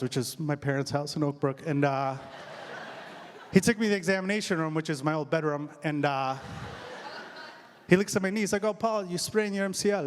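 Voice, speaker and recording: A man's voice: a little high, slight background noise. Self-mocking man doing stand-up crowd work. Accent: Chicago-area American. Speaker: stand-up comedian. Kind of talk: stand-up comedy set. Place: theater stage.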